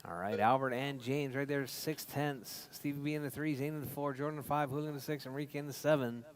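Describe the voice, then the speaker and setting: A man's voice: mid-range voice, fairly even intonation, fast talker. A man working as a race announcer, giving informal live commentary and repeatedly calling out drivers and positions. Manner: informal, repetitive calls to drivers.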